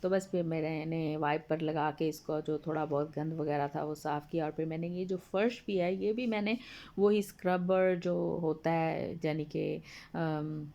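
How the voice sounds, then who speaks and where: Woman, home vlogger voice-over, slightly hoarse, low, flat and mellow, homely and polite. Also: a little slow. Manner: chatty and homely, addresses viewers politely. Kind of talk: casual voice-over narration of a home video. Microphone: voice-over recorded apart from the video.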